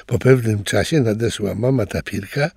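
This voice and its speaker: A man reading a children's story aloud, calm and animated, doing voices for the characters. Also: fairly low pitch, moderate pace, vocal fry, slightly rough, dry recording, studio quality.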